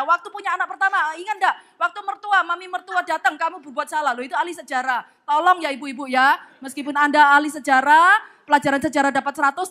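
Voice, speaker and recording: Bright high-voiced woman preacher. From Indonesia. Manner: acts out husband-and-wife dialogues with playful voices. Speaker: pastor. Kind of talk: humorous sermon. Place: church sanctuary with congregation.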